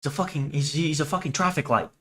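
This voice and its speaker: Speaking fast in a fairly high-pitched voice, a man hosts a horror-video reaction stream. He swears, teases his chat bluntly, and switches between casual talk and reading the on-screen text out loud.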